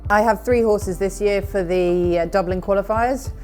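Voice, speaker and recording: A middle-aged woman who grew up in Scotland, an event horse rider speaking in a filmed interview, relaxed and thoughtful, with many pauses and fillers. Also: medium pitch. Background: faint music.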